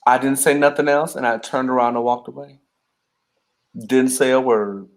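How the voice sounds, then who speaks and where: Animated male podcast co-host. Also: moderate pace. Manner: animated, acts out quotes with big pitch jumps. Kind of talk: casual storytelling chat.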